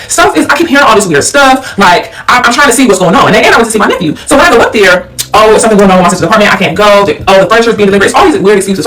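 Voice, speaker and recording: A woman's voice: mid-range voice, fairly bright tone. A young woman telling a family story in a chatty storytime monologue, with a slight lisp from her retainer. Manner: chatty, addresses listeners as y'all and girl. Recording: voice a bit far from the mic.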